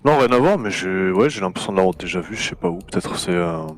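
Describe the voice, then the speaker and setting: A man's voice: low voice, lively intonation, quick pace, no echo. A man playing a tabletop game, hesitant and thinking aloud. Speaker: player. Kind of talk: tabletop role-play.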